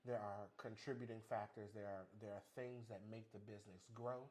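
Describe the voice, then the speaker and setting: A married man co-hosting a relationship podcast in relaxed conversation, thinking aloud and often repeating words as he speaks. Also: on the low side, fairly quick. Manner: animated storyteller, repeats words while thinking. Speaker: podcast co-host. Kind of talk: casual chat.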